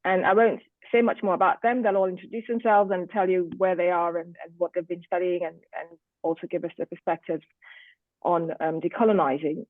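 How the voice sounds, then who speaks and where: Over muffled, lo-fi audio from an online video meeting, a woman formally moderates a panel, addressing an online audience. Her voice is fairly low and steady, her pace brisk, and the recording dry.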